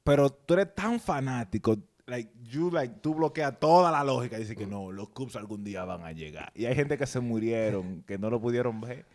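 A man's voice: medium pitch, normal speed, hardly any pauses, darkish tone. Dominican man in casual sports debate. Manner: slangy Spanish peppered with English words.

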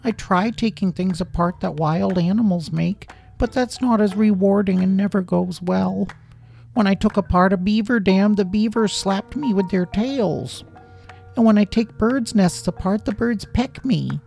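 A man voicing a small, nerdy male reptile creature who compulsively takes things apart, in a high, pleading voice. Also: measured pace, gravelly, a little mellow, soft background music. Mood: eager.

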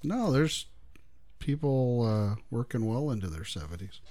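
A man hosting a casual talk show, relaxed, laughing easily and steering to new topics. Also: medium pitch, measured pace. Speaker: podcast host.

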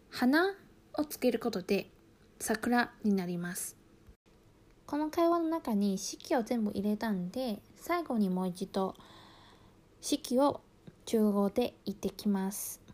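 Female language teacher, slow and measured, fairly high voice, stresses the example words. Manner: calm explanations, with words spoken slowly and stressed high. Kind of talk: language lesson explaining Mandarin to Japanese learners.

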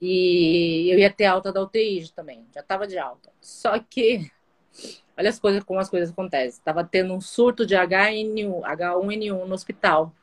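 A woman guest telling her story in a casual online conversation, in an animated way. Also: medium pitch, normal speed. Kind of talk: casual video-call conversation.

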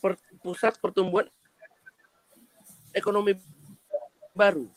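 Man, fairly high voice, formal presenter, video call audio, glitchy choppy connection breaking up. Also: little pitch movement, unhurried, dry recording, poor audio. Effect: choppy, glitchy online connection that breaks up and stretches the voice. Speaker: central bank official presenting.

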